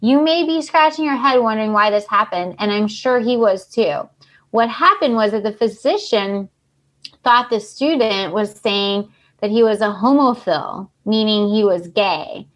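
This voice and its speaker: A woman co-hosting a podcast, chatting and reading stories aloud in an animated way with chatty asides. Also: medium pitch, unhurried. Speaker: podcast co-host.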